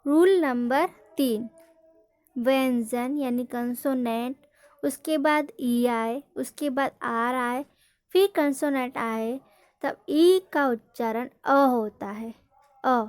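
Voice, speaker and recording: Slow, high-voiced woman teaching. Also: a little mellow, no room sound. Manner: slow, drilling, asks questions then answers them. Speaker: English pronunciation teacher. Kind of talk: classroom-style lesson.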